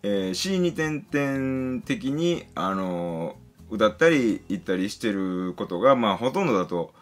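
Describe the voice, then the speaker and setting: A man with a lilt teaches pronunciation in a relaxed, chatty way. His mid-range voice rises and falls a lot as he stretches out sample sounds one by one. Soft guitar plays faintly underneath. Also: medium pitch. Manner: explains patiently, sounding out example syllables and words slowly. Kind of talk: casual spoken lesson.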